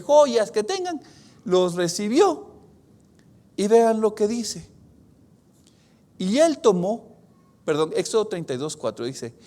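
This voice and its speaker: A pastor preaches a sermon. He reads scripture aloud and speaks in an earnest, confessional way. His delivery swings from loud, emphatic bursts to hushed, drawn-out phrases. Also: high-pitched.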